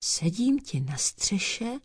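A woman's voice: medium pitch, big pitch swings, slightly rough, no echo. Woman doing Jura, a sly whispering cat. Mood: hushed scheming. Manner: whispered, hissing.

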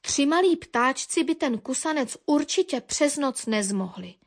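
Narrating an animal tale for children, a woman gives a vivid, expressive reading and lowers her voice for the asides.

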